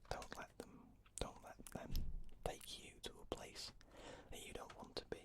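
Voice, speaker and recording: A man whispers an ASMR ramble very close to the microphone, as if into the listener's ear. His speech is fully unvoiced and breathy. He wanders along casually, with hesitant asides. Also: normal speed.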